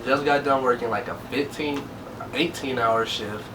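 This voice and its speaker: A man's voice: mid-range voice, moderate pace. A twenty-year-old man co-hosting a casual Q&A vlog, laid-back and full of slang. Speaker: vlog co-host. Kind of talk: casual Q&A chat. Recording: distant mic with steady background noise.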